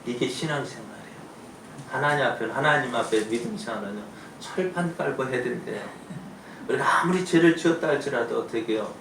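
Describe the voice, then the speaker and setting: A male pastor delivers a sermon from a distance in an echoey church sanctuary. He talks emphatically, shifting between loud, pleading lines and quiet asides. A faint hiss sits under the recording. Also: mid-range voice, brisk.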